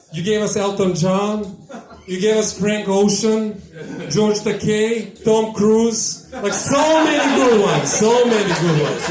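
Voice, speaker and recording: A man from former Yugoslavia with a Yugoslav accent doing a live stand-up set on a small tavern stage, delivering dry, deadpan one-liners into a handheld mic. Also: high voice. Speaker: stand-up comedian. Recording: echoey live bar room.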